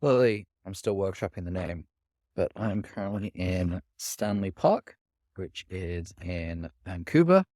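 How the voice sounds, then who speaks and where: Man, somewhat deep voice, casual walking vlog, rambling and hedging delivery, outdoors, no echo. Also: animated, unhurried, darkish tone, clean studio sound. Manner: rambling, hedging with sort of and kind of. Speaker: vlogger. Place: outdoors in a city park.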